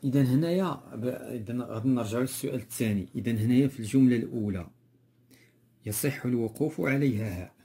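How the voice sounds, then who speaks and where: A man's voice: medium pitch, quick pace, mellow, breathy edge. A man with a Moroccan accent teaching a textbook grammar lesson, going step by step and repeating key words.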